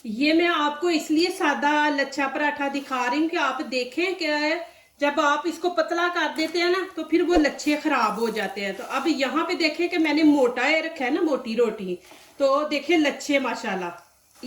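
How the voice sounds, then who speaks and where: A woman's voice: high voice, expressive, normal speed, fairly bright tone. Woman with a sore throat in an echoey kitchen. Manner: chatty and instructive, often says "see this". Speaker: cooking channel host. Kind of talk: step-by-step cooking demonstration. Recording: echoey room, mic at a distance.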